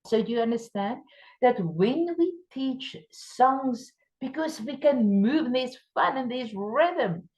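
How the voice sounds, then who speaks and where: Speaking slowly and with animation, a woman from South Africa lectures teachers at a workshop in English, her second language, carrying an Afrikaans accent. Her voice is a little mellow, she stresses key words with sudden pitch jumps, and the audio quality is poor.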